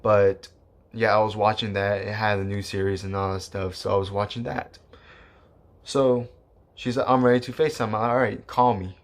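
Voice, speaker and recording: Young male vlogger, lower-pitched, loose rambling storyteller with lots of fillers. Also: fairly even intonation, moderate pace. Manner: rambling, many fillers and restarts, casual swearing. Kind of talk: casual storytelling to camera.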